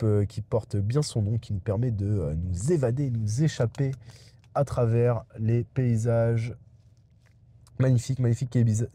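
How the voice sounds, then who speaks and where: A young adult man with a mellow, medium-pitched voice vlogs from inside a car in a rambling, casual monologue. He digresses a lot, hesitating and restarting often, and there is no echo.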